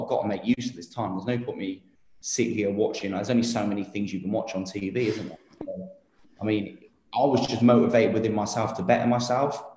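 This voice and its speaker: A man's voice: fairly low pitch, mellow. Earnest young man rambling in echoey room. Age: 20s. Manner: rambling, earnest, many fillers and restarts. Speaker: interview guest. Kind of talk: casual interview talk.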